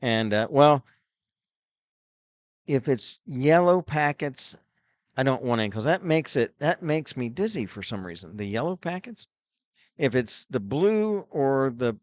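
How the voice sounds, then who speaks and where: A man's voice: mid-range voice, no room sound. A middle-aged man filling time on a hockey broadcast, rambling with many fillers as he reads out viewer messages. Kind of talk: casual play-by-play filler chat.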